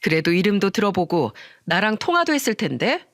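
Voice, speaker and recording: A woman's voice: medium pitch, big pitch swings, fairly quick, no room sound. Brief: woman playing a tipsy, sneering man in a storybook radio tale, dry close sound. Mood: flustered. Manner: slurred, mocking, laughing drunk. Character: drunk rude man, husband's friend, mocking.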